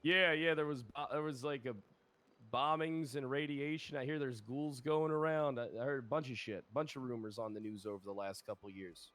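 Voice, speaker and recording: A man's voice: mid-range voice, moderate pace, a bit bright. A man improvising a courtroom role-play as a police officer on the stand, rambling and repeating himself in casual, sweary speech. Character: defensive, rambling cop on the witness stand.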